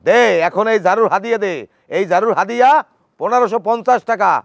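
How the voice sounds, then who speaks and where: A man's voice: high voice, fast talker, no echo. A man with a Barishal Bengali accent playing a bossy fake healer who chants, in a comedy sketch. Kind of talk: comic sketch acting.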